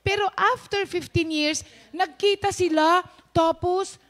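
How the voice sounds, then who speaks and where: Woman host, high pitch, storytelling testimony, Taglish, acts out dialogue. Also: steady tone, slow, a bit bright. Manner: storytelling, mixes English into Tagalog, acts out quoted speech. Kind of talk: personal testimony told to viewers.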